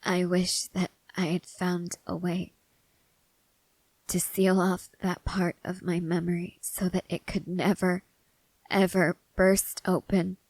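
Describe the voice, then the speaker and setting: A woman plays a tired young female soldier in an intimate ASMR roleplay, guarded yet tender, speaking in soft, halting whispers. Her voice sits lowish with vocal fry, fully in character, on a rough recording with no echo.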